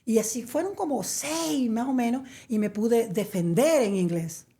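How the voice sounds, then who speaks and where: A woman from Venezuela, telling her story in an interview; she hesitates with many fillers and restarts, then turns lively and emphatic. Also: a little high, a little slow. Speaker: interview guest. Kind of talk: conversational storytelling.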